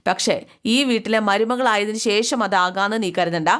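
A woman's voice: medium pitch, moderate pace, fairly bright tone, clear, resonant tone, close to an everyday voice. A woman reading the lines of a stern, scornful older male schoolteacher who refuses to accept his son. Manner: scornful, unbending.

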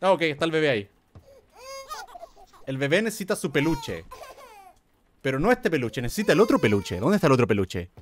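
A man's voice: a little high, fairly quick, long pauses. A young man hosting a gaming video, joking and talking back to a horror game as he plays. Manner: excitable, jokey, talks to the game. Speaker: gamer host.

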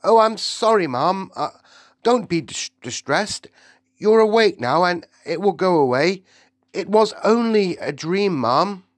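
A narrator voicing an elderly woman servant, gentle and reassuring as she tends her mistress. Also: fairly low pitch, lively intonation, unhurried, no echo, studio quality, pitched above the performer's own voice. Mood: soothing. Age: older. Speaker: queen's maid.

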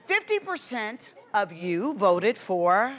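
A middle-aged American woman hosting a dating show, announcing names and reveals with drawn-out emphasis to a studio audience. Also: medium pitch, big pitch swings, a bit bright. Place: large TV studio with live audience. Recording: studio with music and audience noise. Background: music and audience applause.

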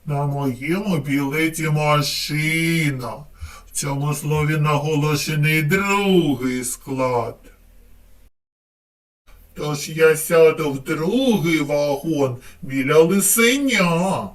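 A man voicing a calm young bear cub pupil who speaks slowly and plainly. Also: on the high side, reverberant, distant mic. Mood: matter-of-fact.

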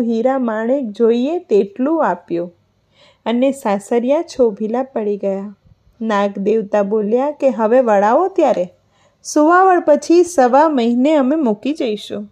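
A woman's voice: a little high, warm tone. A woman narrating a devotional folk tale as a storyteller, reading expressively and voicing the characters' lines. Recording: dull lo-fi recording.

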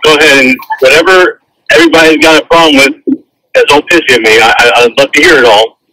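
Fast-talking man on a car Bluetooth phone line. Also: on the high side, pushed and bright. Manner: stammering, repeats words while pushing back. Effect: phone call over a car Bluetooth line. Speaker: phone interviewee. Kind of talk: phone conversation, defensive. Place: in a car while driving.

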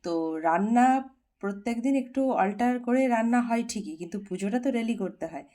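A woman's voice: a little high, fast, warm tone. Chatty woman vlogging chores. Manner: chatty, talks viewers through her chores. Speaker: daily-life vlogger. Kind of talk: casual vlog narration to viewers. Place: home kitchen.

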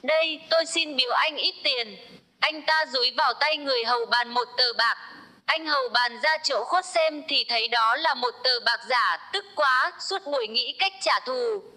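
A woman with a high voice reads short folk jokes aloud as a storyteller. Her tone is bright and sharp, and she keeps an even, unhurried storybook pace.

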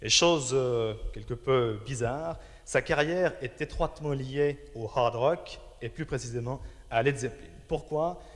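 A man in his thirties presents a music programme in French with measured, formal phrasing. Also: mid-range voice. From Switzerland. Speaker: television music show host. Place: television studio with band instruments. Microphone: handheld microphone. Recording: reverberant vintage television studio.

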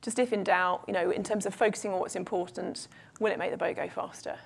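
A woman in her forties giving a humorous keynote speech as a coach, self-deprecating and lively, with comic asides, speaking into a lapel mic in a large conference room. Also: medium pitch, fast talker, creaky, a little hiss or hum.

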